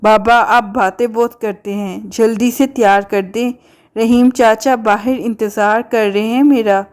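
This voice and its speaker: A woman's voice: fairly high pitch, fairly even intonation, close to an everyday voice. A woman voicing a sensitive, dramatic little boy who pleads and sulks. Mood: impatient.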